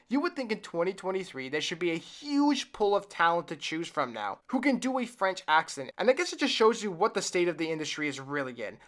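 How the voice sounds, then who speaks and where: A film reviewer giving a comedic, sarcastic review with frequent laughs. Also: mid-range voice. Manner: sarcastic, animated, laughs often.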